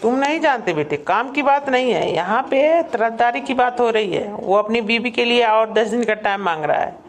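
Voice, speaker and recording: A man's voice: very high-pitched, lively intonation, normal speed. A man doing a blunt, scolding father in a cartoon. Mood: stern. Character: stern older father-in-law, scolding and blunt. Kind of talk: cartoon voice acting.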